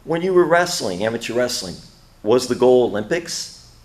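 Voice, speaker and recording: A man's voice: mid-range voice, sing-song, moderate pace, darkish tone. A man hosting an interview, asking several questions in one go. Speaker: interview host. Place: wrestling training gym.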